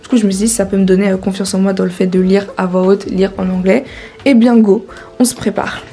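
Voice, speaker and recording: Teen girl vlogger, casual and rambling, warm dark timbre. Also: medium pitch, flat delivery, fast, breathy edge, poor audio. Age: teens. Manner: chatty, many fillers. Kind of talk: casual vlog narration.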